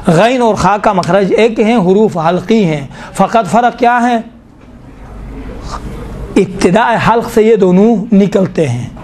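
A man teaching a tajweed lesson to a class, explaining slowly, drawing out sounds and asking his students questions. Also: high-pitched, darkish tone. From Pakistan. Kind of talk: classroom Quran recitation lesson.

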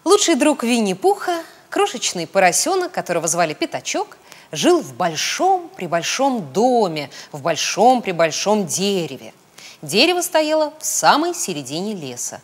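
Husky woman reading a children's tale. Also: mid-range voice, normal speed. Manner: expressive, sing-song storytelling. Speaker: storybook reader. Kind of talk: children's audiobook narration.

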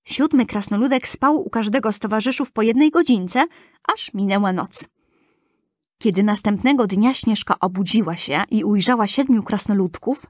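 A woman narrating a fairy tale for children in a gentle, measured, expressive reading. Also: mid-range voice, no room sound, studio quality. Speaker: storyteller.

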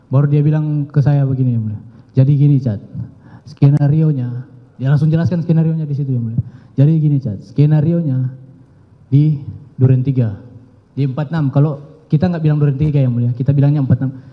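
A man testifying as a witness in court, speaking haltingly and deferentially, often addressing the judge. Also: fairly high pitch, fairly even intonation, big-room sound, narrow, tinny audio.

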